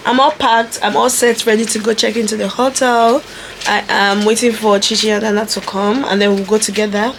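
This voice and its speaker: A young woman chats easily to her camera from a bedroom, giggly and running from one thought to the next. Her pitch sits in the middle and there is a faint hum of room noise behind her, picked up by a handheld camera. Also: level tone, a little fast. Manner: chatty, giggly, talks to camera. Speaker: vlogger, bride-to-be. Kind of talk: casual vlog chat. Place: bedroom, indoors.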